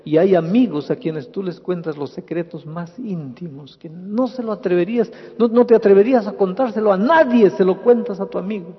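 A man preaching a sermon, dramatic, swinging from loud to soft. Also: high voice, a little fast, hardly any pauses. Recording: dull lo-fi with long hall reverb.

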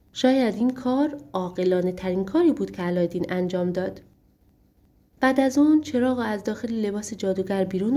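A woman narrating a storybook audiobook in a steady, expressive way. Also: mid-range voice.

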